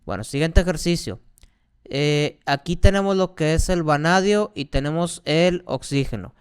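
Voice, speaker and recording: A man's voice: fairly high pitch, animated, moderate pace, smooth. A man, a chemistry teacher patiently explaining exercises step by step and asking rhetorical questions. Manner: patient, repeats key points, asks rhetorical questions.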